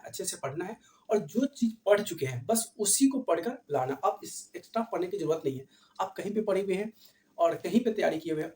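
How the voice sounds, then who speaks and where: A man's voice: high-pitched, warm tone, recorded from a distance. Male teacher, quizzing students with repeated rhetorical questions; roomy echo, mic set back. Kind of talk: classroom-style exam revision lesson. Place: room with camera set back from the speaker. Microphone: distant camera mic. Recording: echoey room, voice from afar.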